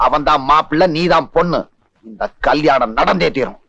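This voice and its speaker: An actor playing a stern village elder who insists the marriage will happen, in a 1980s film. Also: male voice, a little high, normal speed, natural voice. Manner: commanding, stern. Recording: dull film soundtrack with music.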